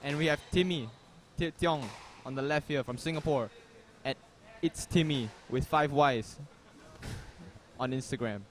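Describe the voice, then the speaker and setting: Young male commentator, slightly higher voice, laid-back chat over faint venue hum. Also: unhurried. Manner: relaxed, chatty, says "man" and "you never know". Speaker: squash commentator. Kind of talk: casual live sports commentary.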